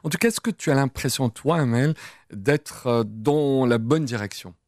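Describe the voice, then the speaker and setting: A man's voice: medium pitch, normal speed, darkish tone, no echo, studio quality. A man interviewing a singer, asking long, rambling, chatty questions. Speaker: radio interviewer.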